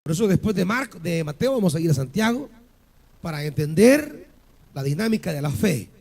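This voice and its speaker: A male pastor preaching a sermon with passion, asking the congregation rhetorical questions and building to shouted peaks. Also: sits high, very animated, moderate pace, gravelly.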